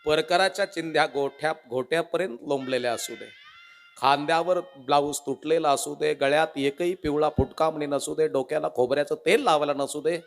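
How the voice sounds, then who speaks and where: A tender old village mother pleads earnestly with her daughter, as a man puts her on, her voice catching and trembling. The tone is soft and breaking, set inside a devotional performance. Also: on the high side, fairly even intonation, a little fast, natural voice.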